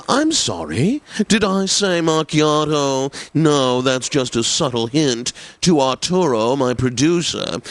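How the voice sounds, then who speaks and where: A man with a mid-range voice presents as a refined, pompous classical radio DJ in a video game, enunciating with affected deliberateness and droll gentility, in a dry recording.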